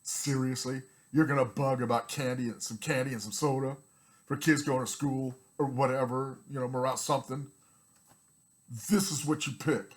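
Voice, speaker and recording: A man delivers an angry, blunt vlog rant at an everyday mid pitch. He repeats himself and keeps coughing because his throat feels strained from talking at length. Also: steady tone, moderate pace. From United States. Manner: angry, blunt, repetitive ranting. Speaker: vlogger. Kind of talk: ranting vlog monologue.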